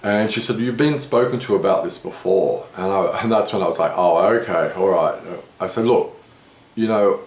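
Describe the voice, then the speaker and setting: Man, lowish voice, lively storyteller, echoey room with faint noise. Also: moderate pace. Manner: animated retelling, voicing others with rising pitch. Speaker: interviewee telling a story. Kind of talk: casual storytelling conversation.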